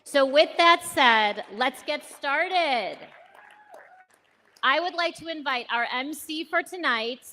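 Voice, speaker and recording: Slow, earnest woman speaking in a reverberant hall. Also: sits high, bright, forceful tone. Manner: earnest, measured, thanking and listing names. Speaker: charity leader giving a welcome speech. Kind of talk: formal gala speech. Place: large gala ballroom.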